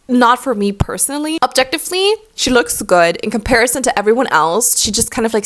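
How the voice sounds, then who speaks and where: A woman in her twenties chatting casually and giving frank opinions, with many "like" fillers. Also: mid-range voice. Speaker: YouTuber. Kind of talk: casual chat. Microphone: laptop.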